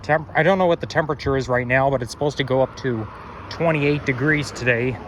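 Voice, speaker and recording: A young walking-tour vlogger from Toronto, Canada narrates a casual street walk outdoors, musing aloud, rambling and correcting himself. His strong, slightly growly voice is a little hoarse, as if he has a frog in his throat, medium in pitch, fairly bright, and a bit fast, with faint passing traffic behind.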